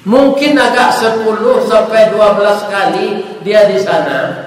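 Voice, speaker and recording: A man preaching a sermon to a mosque gathering with a Minangkabau-tinged Indonesian accent, telling a story with humor and dropping softly into the prayers of the people in it. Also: high voice, unhurried. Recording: echoey hall, distant mic, faint noise.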